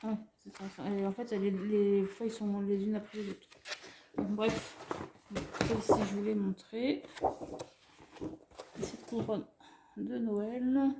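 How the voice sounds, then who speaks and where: A woman's voice: medium pitch, fairly even intonation, takes it slowly, pauses often. A woman casually chatting through a craft supply haul, showing items one by one and correcting herself as she goes. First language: French. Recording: echoey room with faint noise.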